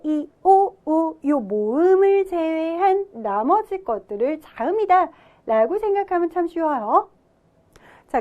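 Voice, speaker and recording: A woman teaching an English grammar lesson, explaining step by step and asking questions that she then answers herself. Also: high voice. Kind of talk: classroom grammar lecture.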